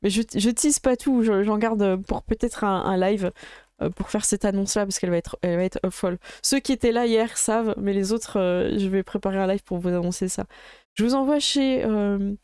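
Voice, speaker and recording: Woman streamer rambling thanks at the end of a stream, mellow voice, lots of ums, dead dry sound. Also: mid-range voice, smooth, dry recording. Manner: chatty, halting, many fillers. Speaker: game master and streamer. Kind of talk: casual chat closing a live stream.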